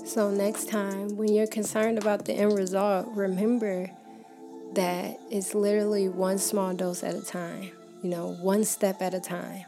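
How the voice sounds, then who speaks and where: A woman's voice: medium pitch, flat delivery, a little slow. A young woman giving a casual, heartfelt faith talk, speaking informally and often saying "like" and "you know.". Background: background music.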